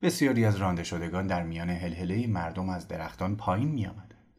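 A man narrating a novel as an audiobook in an expressive storytelling manner. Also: sits low, gravelly, slightly rough. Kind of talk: scripted narration.

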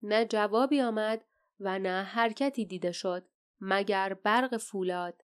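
A woman narrating an audiobook in a steady, dramatic storytelling manner. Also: mid-range voice, clean tone. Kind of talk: scripted narration.

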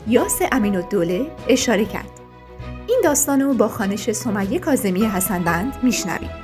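A woman podcast host giving a scripted, inviting introduction. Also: fairly high pitch. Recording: music bed under voice.

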